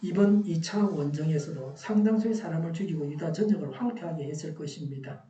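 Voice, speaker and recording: A male pastor delivers a sermon through a face mask. His voice is very dark and muffled, captured from a distance in an echoey room. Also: a little high, fairly quick. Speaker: pastor preaching a Sunday sermon. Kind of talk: sermon with scripture exposition. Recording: dull, echoey, distant church recording.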